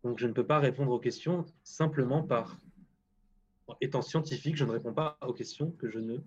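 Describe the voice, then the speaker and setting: A man's voice: mid-range voice, moderate pace, husky, dull audio. A man speaking as a guest scientist in a casual interview, frank and hesitant, often restarting his sentences.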